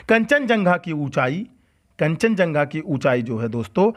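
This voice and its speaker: A man's voice: sits high, fairly bright tone. A man teaching a general-knowledge lesson for exam students, asking questions and answering them himself, and repeating key facts. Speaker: coaching teacher. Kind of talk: exam-prep lecture.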